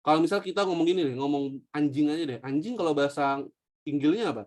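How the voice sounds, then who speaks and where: A man's voice: fairly high pitch, quick pace, darkish tone. A young man giving a casual online history lesson. He jokes with the class, poses questions and answers them himself, and speaks with a slang flavor. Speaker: teacher.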